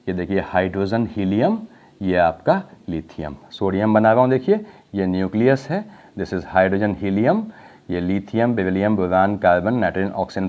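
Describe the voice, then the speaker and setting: A man with a low, warm voice teaches chemistry at the board in a recorded lecture. He talks the class through each step with rhetorical questions, mixing Hindi with English technical phrases and drawing out key words. The audio is dull and lo-fi.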